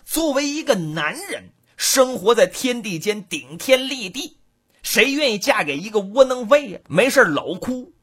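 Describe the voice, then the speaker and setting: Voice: mid-range voice, very animated, fairly bright tone, husky. A woman doing a blunt, scolding bystander. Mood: lecturing. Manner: lecturing, rapid-fire. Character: blunt, scolding male bystander giving advice.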